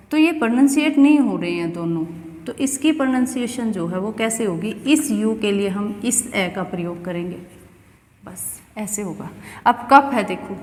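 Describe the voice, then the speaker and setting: This classroom lesson comes from a woman from India who explains English pronunciation step by step, often checking in with questions for her student. She speaks in a mid-range, slightly mellow voice, and the room echoes with long reverb.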